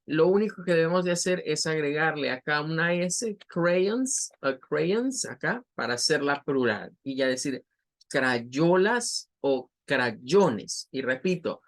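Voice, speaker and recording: A man's voice: a little high, a little slow, a bit bright. A male English teacher with a Latin American Spanish accent, giving a vocabulary lesson and patiently repeating each word for pronunciation.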